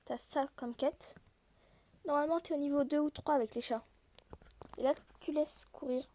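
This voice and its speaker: A woman with a high voice and a mellow, rounded tone talks through a mobile game as she plays. She explains each screen and rule straight to her viewers in an easygoing, conversational way. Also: steady tone, moderate pace. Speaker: gaming video host. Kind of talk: casual gameplay walkthrough.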